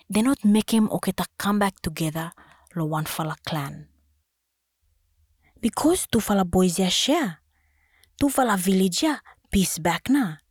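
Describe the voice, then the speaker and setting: A woman's voice: on the low side, a little mellow, breathy edge, no room sound, studio quality. A woman with a Solomon Islands accent narrating a storybook expressively in Solomon Islands Pidgin.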